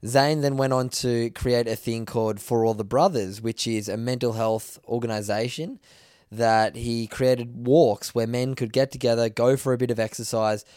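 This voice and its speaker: An upbeat man hosts a casual podcast interview, chatty and friendly in tone. His voice sits fairly low. The sound is dry and close, with no room echo. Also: a little mellow, smooth. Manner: upbeat, chatty, says mate a lot. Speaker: podcast host. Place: indoors, travelling in New Zealand.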